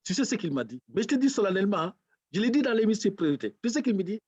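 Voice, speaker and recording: High-voiced Senegalese man telling stories. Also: rapid-fire, breathy edge, dry recording, muffled recording. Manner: animated storyteller, acts out quoted dialogue. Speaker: guest, university lecturer. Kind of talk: casual talk-show conversation.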